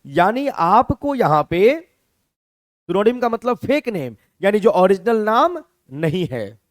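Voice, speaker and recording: A man's voice: high-pitched, very animated, slow pace, no room sound, clean studio sound. A man teaching a vocabulary class with a Hindi accent, explaining step by step and checking in with his students. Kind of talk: classroom lecture.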